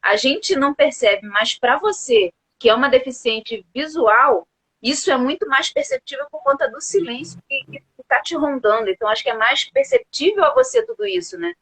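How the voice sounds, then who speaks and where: A woman's voice: high voice, big pitch swings, normal speed, a bit bright, low-quality recording. A woman from Brazil hosting an interview, asking questions and reacting in a thoughtful, engaged way. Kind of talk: conversational interview.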